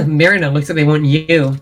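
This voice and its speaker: A man's voice: on the high side, fairly even intonation, moderate pace, soft background music. A man chatting casually as a player in a tabletop role-playing game, with wry, exasperated banter.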